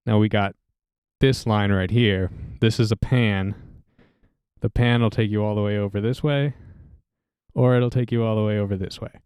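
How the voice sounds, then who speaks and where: Deep-voiced man explaining gear, smooth and dry. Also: normal speed, no room sound. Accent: American. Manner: relaxed, friendly, hands-on explaining. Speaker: music instructor. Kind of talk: casual how-to demonstration. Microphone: studio microphone through a mixer.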